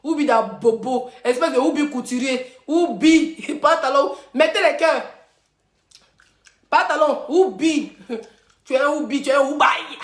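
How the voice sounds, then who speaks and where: A woman's voice: high voice, unhurried, reverberant. A woman hosting a live stream, taunting and chanting insults with laughter. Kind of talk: mocking live-stream rant. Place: room, phone on live stream. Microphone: phone.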